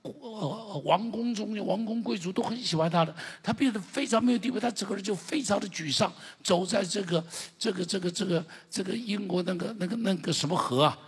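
A man with a fairly high, husky, breathy voice preaches a sermon in a church. His delivery is emphatic and builds to loud, shouted declarations. The sound carries a long reverb from a large hall. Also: brisk, few pauses. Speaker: pastor. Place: church sanctuary.

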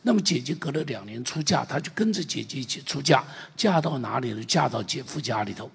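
A man preaching a sermon, retelling a story with many repeats and swings from loud to hushed, in a very husky, gravelly voice. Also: medium pitch, lively intonation, fairly quick. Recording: long hall reverb.

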